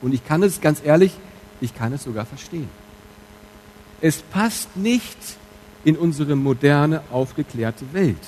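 In a rough recording with a little hiss or hum, a pastor with a fairly high voice delivers a sermon in church. He is animated yet a little slow, talking plainly to his congregation and moving from soft asides to loud, emphatic stresses.

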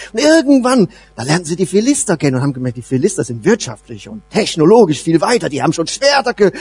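A man preaching a sermon, swinging between loud emphasis and soft, low asides. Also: breathy edge, dry recording. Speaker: pastor.

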